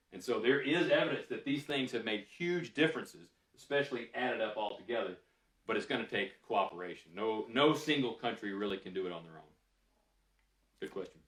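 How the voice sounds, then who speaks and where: After a lecture, a man fields audience questions candidly and conversationally, thinking aloud with fillers. His voice is on the low side with a fairly bright tone. The sound is roomy, with the mic some distance away.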